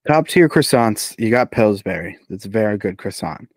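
A man's voice: lowish voice, animated, moderate pace, no room sound. A man co-hosting a podcast, chatting casually in a rambling way, full of fillers. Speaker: podcast co-host. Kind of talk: casual chat.

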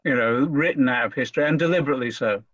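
A man from Liverpool, talking in a halting, earnest way as an interview guest, often repeating himself. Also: medium pitch, a bit bright, no room sound, dull audio. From Liverpool, England. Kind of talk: conversational interview.

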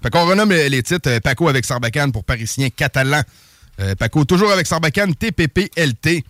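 A man's voice: on the high side, expressive, a little fast, fairly bright tone, dry recording, studio quality. A man hosting a radio show, casually announcing the next music block. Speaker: radio host.

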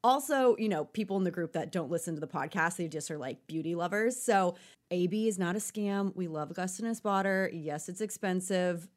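A woman's voice: lowish voice, a little fast. Bubbly woman podcast co-host. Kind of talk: casual podcast chat.

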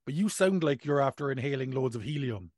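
A man's voice: mid-range voice, animated, brisk, a little mellow, no echo, studio quality. A man in his thirties with an Irish accent, hosting a casual comedic podcast in a playful, self-mocking way. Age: 30s. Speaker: podcast host.

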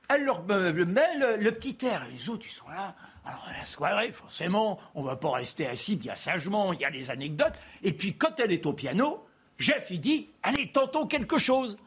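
A man telling a history story as a columnist on a TV debate show, lively and anecdotal, acting out the quotes. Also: high-pitched, moderate pace, breathy edge.

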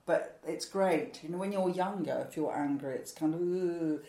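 A stand-up comedian in her sixties answers interview questions in a chatty, rambling, self-mocking way, laughing often. Her low-pitched voice is mellow and moves at a normal speed, and the sound is roomy.

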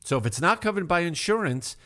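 A man's voice: high voice, lively intonation, brisk, pushed and bright. A male health show host explaining heart tests in an emphatic manner, asking rhetorical questions. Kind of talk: radio health talk.

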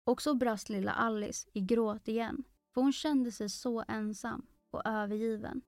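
A woman reading a children's story aloud, narrating calmly and gently. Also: on the high side, dry recording, clean studio sound, faint music behind.

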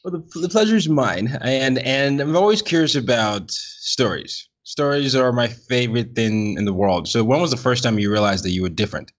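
A male podcast host with a medium-pitched voice and moderate pace delivers an intro and interview, the sound somewhat lo-fi. He is effusive and upbeat, frequently repeating himself as he addresses listeners and his guest.

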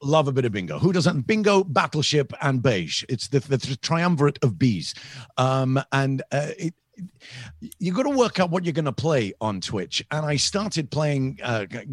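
A man's voice: mid-range voice, no room sound, clean studio sound. A man playing a sleazy, self-regarding male showbiz entertainer in an improvised comedy interview, rambling with innuendo and stammered restarts. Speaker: comedy character being interviewed.

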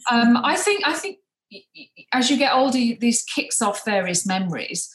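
A woman's voice: on the high side, very animated, moderate pace, reverberant, noisy background. A woman in her fifties from the English Midlands, a guest in a podcast interview, chatty and hesitant with many ums. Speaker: guest, beauty brand founder.

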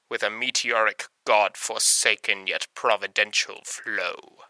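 Guy doing a stuffy professor, slow and gravelly, super snooty and theatrical. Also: on the low side, pushed and bright, no room sound, heavily acted, low-quality recording. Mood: haughty. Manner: pompous, theatrical, archaic words. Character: pompous male professor character, fussy and insulting. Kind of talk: comedic podcast intro in character.

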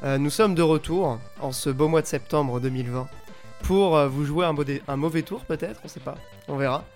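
Music plays behind this podcast host as he improvises his way through a laid-back video game show. Stuffed up and nasal from a head cold, he talks fairly quickly in a slightly high, somewhat mellow voice.

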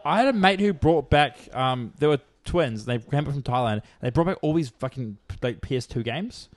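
A man's voice: mid-range voice, lively intonation, normal speed, dry recording. A young man, co-hosting a podcast from a home lounge room and throwing out crude, mocking banter laced with swearing. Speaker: podcast co-host. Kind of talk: casual banter.

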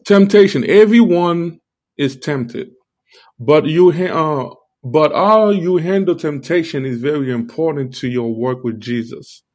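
Guy doing a casual live sermon w/ a toothache, talking kinda off with his tongue, repeats himself, halting. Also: on the high side. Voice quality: speech slightly altered by tongue-led articulation. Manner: repeats phrases for emphasis, halting. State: toothache, talking around a sore tooth and gum. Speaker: live-stream preacher. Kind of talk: informal devotional talk.

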